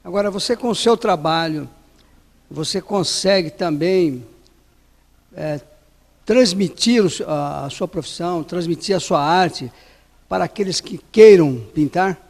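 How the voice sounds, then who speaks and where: A man's voice: sits high, unhurried, gravelly, a little mellow, in a large hall. A male TV host asking interview questions in an upbeat, emphatic way.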